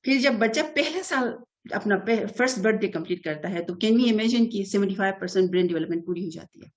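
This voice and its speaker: A middle-aged Pakistani woman, an expert in early childhood development, gives an earnest interview answer packed with English terms and brief hesitations. She speaks fairly quickly in a mid-range voice with lively intonation.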